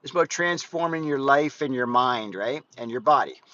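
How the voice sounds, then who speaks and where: Driving along, this fifties-aged fitness vlogger rambles casually on a live vlog, restarting frequently and tossing asides to his viewers. His mid-range voice sounds animated, pushed and bright at a moderate pace. The recording is muffled, with faint car and road noise inside the moving car.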